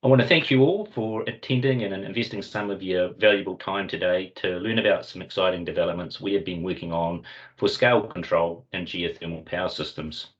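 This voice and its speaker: A man with a New Zealand Kiwi accent hosting a webinar, giving a formal, measured corporate introduction. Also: deep voice. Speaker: webinar host and company commercial lead. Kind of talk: semi-scripted corporate presentation introduction. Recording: dull, lo-fi online meeting audio.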